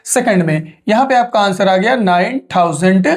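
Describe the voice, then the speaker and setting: A man's voice: high voice, expressive, moderate pace. Indian man teaching exam numericals. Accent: Indian English. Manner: explains step by step, asks and answers his own questions. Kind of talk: exam revision lesson.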